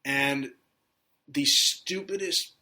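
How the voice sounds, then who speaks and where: Bright-voiced man recapping in casual chat. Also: on the high side, extremely slow. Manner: rambling recap with hesitations and laughs. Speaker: podcast host.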